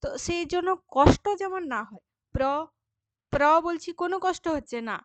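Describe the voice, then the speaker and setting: A woman teaching a grammar lesson to school students, explaining patiently and sounding words out slowly, syllable by syllable. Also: very high voice, lively intonation, dry recording. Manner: frequent checking fillers to students.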